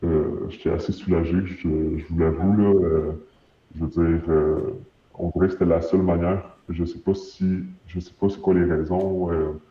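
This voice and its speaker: Man's deep pitch-shifted voice, hesitant Quebec French. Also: little pitch movement, normal speed, reverberant, highs cut off. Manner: hesitant, searching for words. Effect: voice pitch-shifted down to disguise identity. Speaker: anonymous witness being interviewed. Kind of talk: halting personal testimony.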